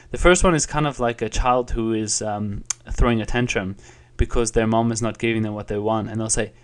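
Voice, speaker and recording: A man giving an online language lesson, explaining calmly and patiently with the occasional filler. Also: medium pitch, smooth. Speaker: language teacher.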